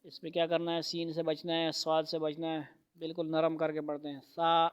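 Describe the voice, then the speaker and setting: A man teaching a Quran reading lesson in a classroom, patiently calling out letter sounds loudly and explaining how each one is made. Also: a little high, monotone, muffled recording, a little hiss or hum. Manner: patient, repeats letters loudly for students to echo.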